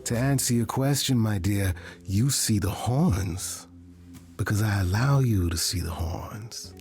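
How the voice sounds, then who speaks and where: An actor playing a suave, teasing immortal trickster god in a video game, with flowery, arch courtesy. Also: male voice, fairly low pitch, a little slow, darkish tone, faint music behind.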